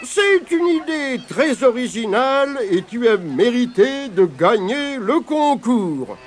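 A man voicing a stately lion king from a children's storybook, speaking slowly and ceremoniously. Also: very high-pitched, big pitch swings, voice pushed up, heavily acted. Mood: solemn.

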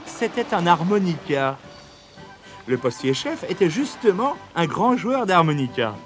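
A man reading a children's story aloud in an expressive, lilting storytelling voice. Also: sits high, measured pace, faint music behind. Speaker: narrator.

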